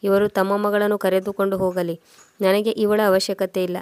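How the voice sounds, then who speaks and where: Stern young husband; woman reader voicing him, even and flat, dry. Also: mid-range voice, normal speed, dry recording, close to an everyday voice. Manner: stern, threatening. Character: hot-tempered young husband.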